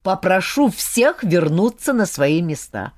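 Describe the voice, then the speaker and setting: A woman voicing a calm, authoritative older theater master who speaks in a measured, unhurried way. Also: lowish voice, heavily acted.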